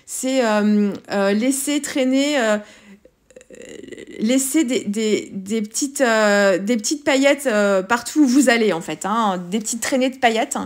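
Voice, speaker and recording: A French-accented woman talks casually through her art journal page. Her voice sits a little high, and she hesitates often, with fillers and restarts. It sounds like a relaxed craft tutorial voice-over. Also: a little slow.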